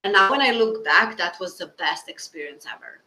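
A woman hosting a podcast, gushing and halting over her words. Her voice is bright and sharp, and it rings in an echoey room. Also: fairly low pitch, expressive. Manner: effusive, halting with fillers. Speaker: podcast host. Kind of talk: interview hosting.

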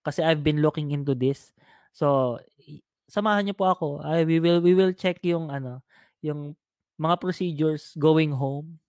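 Lalaking Pilipinong host, may kataasan ang boses, tuyong recording. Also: male voice, on the high side, a little slow, pauses often, a little mellow, no echo. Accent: Filipino. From Philippines. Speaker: talk show host. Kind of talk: casual chat with listeners, Tagalog mixed with English.

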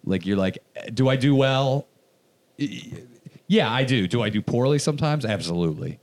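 A man from Indiana talks through a casual podcast chat. He rambles, circles back with "like" and swears freely, at a middle pitch. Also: animated, normal speed, darkish tone. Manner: rambling, lots of fillers and swearing. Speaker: comedian podcast guest.

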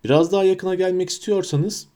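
A man voicing a huge, cheerful and kindly male gamekeeper with a booming, hearty way of talking. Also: steady tone, brisk, dark tone, lightly acted.

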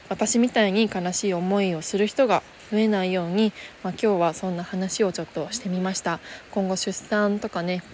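A young woman hosting a casual solo radio talk, speaking gently and reflectively with soft fillers, recorded outdoors in the mountains. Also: medium pitch, a little hiss or hum. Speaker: podcast host. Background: faint nature sounds.

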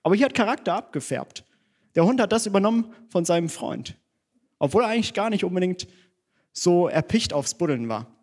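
Man, fairly high voice, church sermon, relaxed conversational preaching, self-deprecating humor. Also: brisk, breathy edge.

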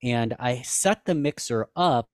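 In clean, echo-free studio sound, a male podcast guest talks a little slowly but animatedly. He's candid and pokes fun at himself in loose conversation, often rambling and starting over, and his pitch runs high for a man.

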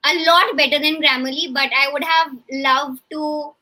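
Woman guest, crisp bright tone, assertive and analytical. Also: high-pitched, fairly even intonation, normal speed, rough recording. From India. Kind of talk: casual live-stream chat.

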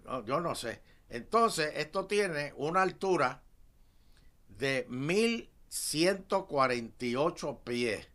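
A man's voice: on the high side, expressive, slow, fairly bright tone. A man with a Puerto Rican accent hosting a comedic talk show, joking and exclaiming in casual chat. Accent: Puerto Rican Spanish.

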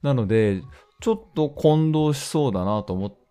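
A man from Japan hosting a solo podcast, thinking aloud with frequent hesitant fillers as he slowly reads and explains English news lines. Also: medium pitch, animated, mellow, smooth. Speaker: podcast host.

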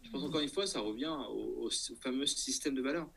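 A man's voice: mid-range voice, a little fast, gravelly, a bit bright, a little hiss or hum. A man talking casually in an interview as an entrepreneur, hesitating and thinking aloud, often checking that the listener follows. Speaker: entrepreneur guest.

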